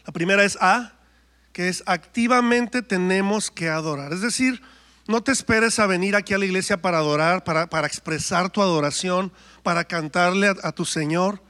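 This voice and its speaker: A man's voice: high-pitched, moderate pace, sharp tone. A man, a worship singer telling his story and preaching in church, acting out quoted dialogue. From Mexico. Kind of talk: testimony and sermon.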